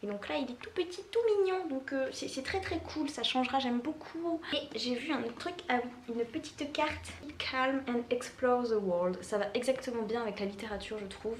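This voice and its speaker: Brief: young woman vlogger from France, gushing excitable chat, highish voice, echoey bedroom. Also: a little hiss or hum. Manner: gushing, excitable, quick exclamations. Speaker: book vlogger. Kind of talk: casual unboxing chat. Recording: echoey home room.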